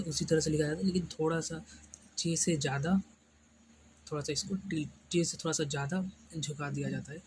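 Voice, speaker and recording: Patient man teaching, raised pitch. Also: a little mellow, a little hiss or hum, rough recording. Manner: repetitive, patient, often adds tag checks. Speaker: shorthand teacher. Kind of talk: step-by-step lesson explanation.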